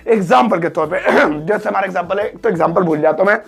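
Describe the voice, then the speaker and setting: A man teaching an English grammar lesson, joking and teasing his students and drawing words out slowly. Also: high voice, creaky, soft background music. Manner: joking, playful teasing of students, drawn-out slow-motion sounds.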